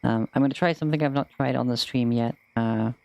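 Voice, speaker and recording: Game master, gravelly mid-pitched voice, casual stream narration, hesitant, informal. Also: fairly quick, a little mellow, no echo.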